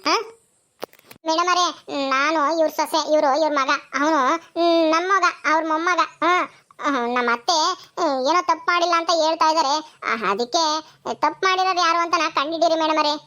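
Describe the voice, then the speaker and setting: A woman's voice: extremely high pitch, brisk, bright, forceful tone. A woman voicing a sly, scheming daughter-in-law who sweet-talks and accuses in a cartoon comedy.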